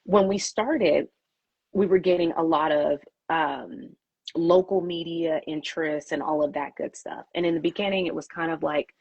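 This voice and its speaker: A woman's voice: sits low, fairly even intonation, moderate pace, darkish tone, slightly rough, no echo, dull audio. A woman publicist answering interview questions, emphatic and repeating her key points.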